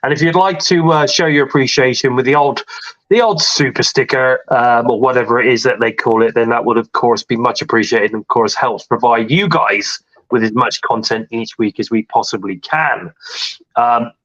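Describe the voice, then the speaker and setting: This wrestling podcast host sounds stuffed up from a cold as he chats casually and rambles, dropping in lots of filler words. He speaks at a moderate pace in a mid-range, slightly bright voice, and the audio lacks its upper frequencies.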